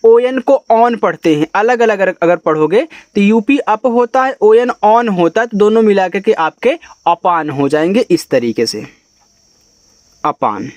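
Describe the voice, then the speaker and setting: A man's voice: high voice, animated, normal speed, few pauses, darkish tone, no room sound. A man teaching beginners to read English words, spelling each word letter by letter and then explaining how to pronounce it. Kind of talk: spoken lesson on reading English words.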